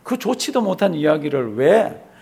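A man's voice: a little high, big pitch swings, moderate pace, darkish tone, slightly rough. A male pastor preaching a sermon, firing off rhetorical questions and drawing the congregation in to read along.

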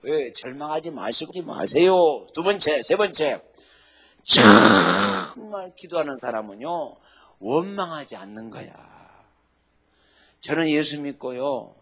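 Husky, forceful male pastor preaching. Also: expressive, takes it slowly. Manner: emphatic preaching, swings from loud exhortation to low quiet asides; asks the congregation to say amen and repeat lines. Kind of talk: sermon.

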